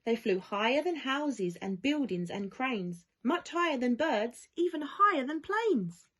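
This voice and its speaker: A woman reading a rhyming children's storybook aloud in an expressive, lilting way, as school staff do for young pupils. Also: sits high, unhurried. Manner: animated, lilting rhyming delivery.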